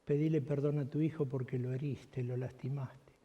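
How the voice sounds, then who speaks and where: A man voicing God as a grave, insistent presence, speaking low and hushed in a sermon story. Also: steady tone, normal speed, highs cut off, lightly acted. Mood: solemn, hushed.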